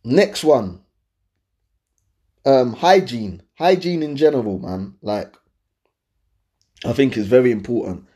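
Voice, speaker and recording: A man's voice: medium pitch, animated, slow pace, pauses often, warm tone. A man with a London accent chatting casually and giving his opinions to viewers in a slangy, conversational way, often checking that they follow him. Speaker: host giving dating and lifestyle advice.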